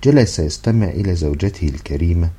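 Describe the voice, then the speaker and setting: A man narrating a humorous book in a dry, measured storytelling manner. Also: low-pitched, expressive, mellow, breathy edge. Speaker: audiobook narrator.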